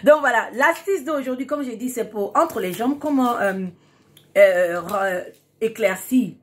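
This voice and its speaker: A woman's voice: on the high side, expressive, unhurried. A woman hosting a casual beauty tutorial, talking emphatically and repeating key words for stress. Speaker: beauty tips host.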